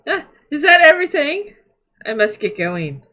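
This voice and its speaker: A woman voicing a hurried male traveling merchant in a tabletop game, pushing a sale before rushing off. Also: sits high, very animated, sharp tone, voice pushed up, heavily acted. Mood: salesy. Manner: salesy, hurried sign-off.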